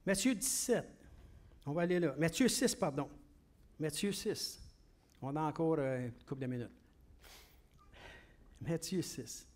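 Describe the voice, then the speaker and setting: A man with a Québécois French accent preaches to his congregation in a quick, conversational way. He keeps asking them questions as he goes. His voice sits noticeably high for a man. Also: animated, a little mellow. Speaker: pastor. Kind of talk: sermon.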